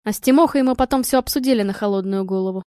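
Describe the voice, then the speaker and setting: A woman's voice: mid-range voice, very fast, darkish tone, no echo, studio quality, lightly acted. A woman reading the part of a panicky, hot-headed husband who defends himself desperately. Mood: remorseful.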